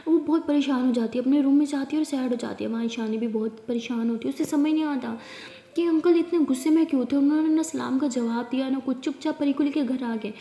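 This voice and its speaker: A woman's voice: high-pitched, fast, warm tone. A woman narrating a story in a casual, conversational way. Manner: conversational, clears throat. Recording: echoey room with long reverb.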